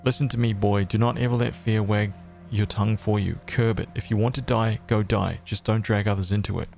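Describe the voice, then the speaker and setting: A man's voice: fairly low pitch, steady tone, fairly quick, creaky, a little mellow, faint music behind. A man reading the lines of Thorn, a weary nobleman and father, in a video game. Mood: stern.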